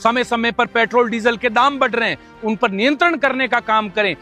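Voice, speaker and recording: A man from the Bikaner area of Rajasthan giving an impassioned political video statement in a forceful, declamatory, accusatory way. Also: very high-pitched, fairly quick, faint music behind. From Bikaner area, Rajasthan, India. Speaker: local political activist.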